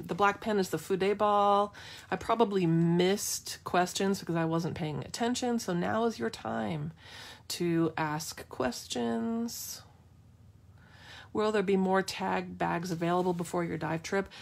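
A woman's voice: mid-range voice, takes it slowly, gravelly. A woman hosting a live craft demonstration, chatting casually and playfully as she answers viewers' questions. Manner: chatty and playful, thinks aloud with restarts.

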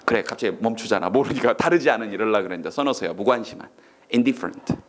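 A man teaching an online English exam-prep lecture, firing quick questions at his students and acting out reactions with silly voices. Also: lowish voice, lively intonation.

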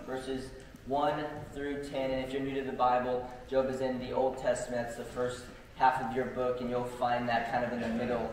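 Casual young preacher in an echoing church. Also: male voice, medium pitch, little pitch movement, moderate pace, a little mellow, slight background noise. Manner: chatty, many ums and likes. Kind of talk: casual storytelling sermon. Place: church sanctuary. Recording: very echoey church hall, distant mic.

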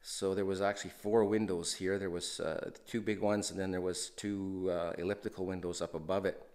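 Walking slowly through a house under renovation, a man with a fairly low voice narrates a casual tour. He rambles in a relaxed way, often restarting sentences and filling gaps with "uh." The sound seems to come from the camera's built-in mic in the empty house.

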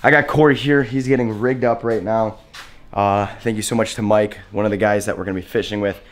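A man with a hoarse voice from a sinus infection, chatting loosely to the camera as a fishing vlogger. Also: lowish voice, fairly even intonation, fairly quick. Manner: laid-back, rambling, many fillers. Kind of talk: casual vlog talk to camera. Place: car, then outdoors by a lake.

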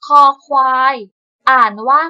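A woman teacher reciting the alphabet for young children, repeating each item in a measured call-and-response pattern. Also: no room sound, lo-fi sound. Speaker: primary school teacher.

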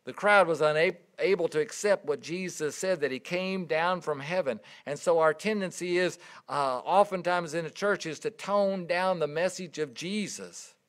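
A man's voice: on the high side, normal speed, hardly any pauses, fairly bright tone. A middle-aged man preaching a sermon, earnest and emphatic, telling stories with his voice swelling and dropping. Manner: earnest, emphatic, storytelling with rising and dropping volume.

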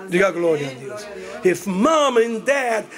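A woman preaching in church, telling a family story with lively voices for each person, and repeating herself for an interpreter. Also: mid-range voice, slow pace. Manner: animated storytelling, jumps between two languages, acts out family members. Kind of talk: sermon with live interpretation.

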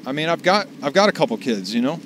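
A man's voice: a little high, very animated, fast, noisy background. A man chatting casually to the camera while driving for food deliveries, rambling and salty. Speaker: delivery driver vlogger. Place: in a car.

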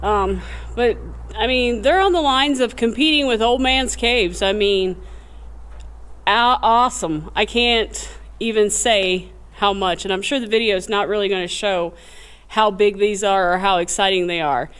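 A young adult woman talks in an average female pitch. She speaks casually to a camera held at arm's length under a rock overhang, as in a homemade outdoor vlog. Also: unhurried, a bit bright, smooth. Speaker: vlogger.

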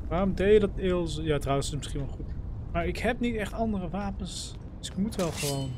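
A man giving playful, excitable let's-play commentary, talking to his in-game companion. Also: high-pitched, a little fast, noisy background. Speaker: gaming channel host.

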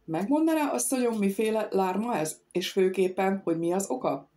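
Woman reading a calm, wry old nobleman. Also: mid-range voice, close to an everyday voice. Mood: composed. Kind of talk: audiobook character reading.

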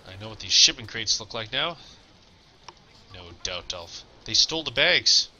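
A man's voice: lowish voice, expressive, moderate pace, bright, forceful tone, a little hiss or hum. A man chatting casually while playing a heist game with a friend on stream, joking around and tossing out goofy lines. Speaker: gamer streaming. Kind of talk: casual gameplay chat.

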